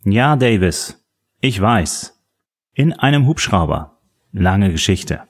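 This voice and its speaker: A man's voice: on the low side, very animated, slow pace, full character voice. A man voicing a tough female agent who gives clipped, impatient orders on the phone. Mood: urgent. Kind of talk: audiobook reading.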